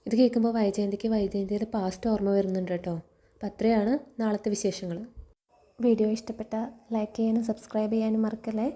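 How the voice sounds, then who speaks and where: A woman's voice: mid-range voice, level tone, quick pace, mellow. A woman retelling a TV serial episode in a chatty, casual way, tagging her sentences with a friendly particle. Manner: chatty, ends lines with a friendly tag. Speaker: serial story reviewer.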